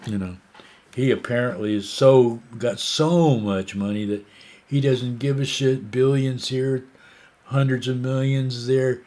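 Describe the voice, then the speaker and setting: An American man delivers a casual opinion monologue on the news, sounding indignant. His medium-pitched, slightly mellow voice moves slowly and ramblingly, dragging out each point and often stopping for fillers and restarts.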